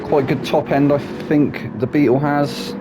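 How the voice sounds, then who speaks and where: A snuffly, hay-fever-sounding man commentates on a sim racing league, keeping a steady tone at a slightly slow pace. His style is chatty and packed with tag questions, and he lowers his voice for asides, all over loud game engine noise.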